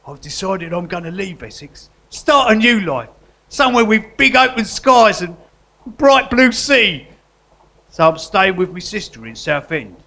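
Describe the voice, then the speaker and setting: A loyal, sentimental small-time crook from Essex played by a male actor, with a high, bright voice and south-east English accent. He talks in earnest, colloquial stage-drama style. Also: heavily acted. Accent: south-east England. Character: emotional working-class Essex crook-artist, loyal and sentimental.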